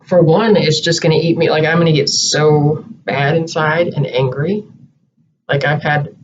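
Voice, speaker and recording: A man with a slightly high voice chats casually, wandering through his thoughts with plenty of hesitation. He sits a little back from the mic. The recording sounds dull, with a faint hiss underneath. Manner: rambling, hesitant, thinking aloud. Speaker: co-host. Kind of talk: casual chat. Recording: distant muffled home recording with light hiss.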